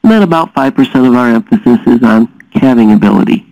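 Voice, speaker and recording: A man lecturing as a dairy science teacher, explaining steadily and often pausing with "uh" fillers. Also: medium pitch, lively intonation, dark tone, no room sound, muffled recording. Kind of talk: recorded lecture.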